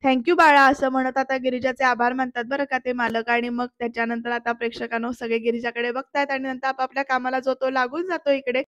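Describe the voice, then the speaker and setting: Female recap narrator, high voice, dry close sound, chatty storyteller. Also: level tone, quick pace, few pauses, fairly bright tone, no room sound, lo-fi sound. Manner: chatty, keeps addressing the viewers. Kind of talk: voice-over episode recap.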